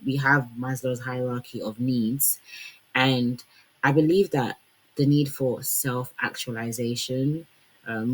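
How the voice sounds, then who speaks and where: Woman with a husky, conversational voice. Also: very deep voice, a little mellow, poor audio. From Congolese heritage. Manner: conversational, lots of fillers like "like" and "you know". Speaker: fashion commentator. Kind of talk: casual commentary to camera.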